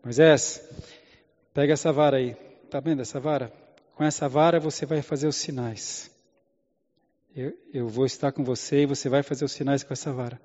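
A preacher voicing God, firm and patient. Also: male voice, medium pitch, fairly even intonation, normal speed, pauses often, darkish tone, voice pushed down, close to an everyday voice. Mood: reassuring. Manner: firm, reassuring, instructing. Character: God, commanding yet patient fatherly male voice. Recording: echoey hall, dull lo-fi sound.

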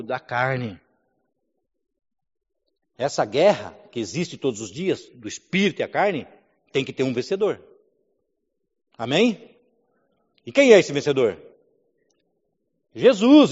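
A man's voice: fairly high pitch, a little mellow. A male pastor preaching a sermon, building to emphatic declarations and calling for amens. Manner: preaching with rising emphasis, calls of amen. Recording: dull sound with long hall reverb.

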